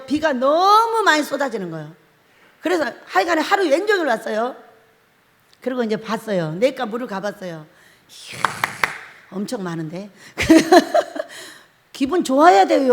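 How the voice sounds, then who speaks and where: A middle-aged woman pastor preaching a sermon, telling stories with laughs and acted-out quotes. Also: sits high. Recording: long hall reverb.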